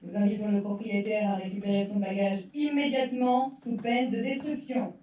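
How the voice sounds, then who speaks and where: A woman's voice: medium pitch, steady tone, moderate pace, distant mic, over loud music. A woman playing a female station master who makes a formal announcement over the station intercom. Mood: official. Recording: echoey loudspeaker heard from afar.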